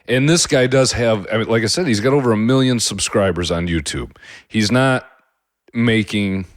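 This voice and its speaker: A man talks alone into a close mic, hosting his own cooking podcast. His voice sits a little low and he rambles easily, stopping and restarting with many fillers. The sound is dry and close, with no room around it. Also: dry recording. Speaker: podcast host. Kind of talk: casual solo podcast talk.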